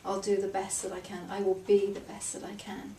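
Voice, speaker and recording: A woman's voice: medium pitch, monotone, brisk, warm tone. A woman speaking as a client in a therapy session, repeating phrases and reflecting on herself. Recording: echoey room, far from mic, noisy.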